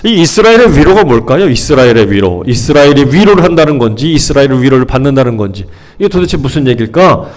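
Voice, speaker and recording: A man's voice: medium pitch, big pitch swings, fast talker, hardly any pauses. A male pastor giving a conversational sermon to his congregation, asking questions and acting out the voices of people he describes. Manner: conversational preaching, acts out quoted scolding voices.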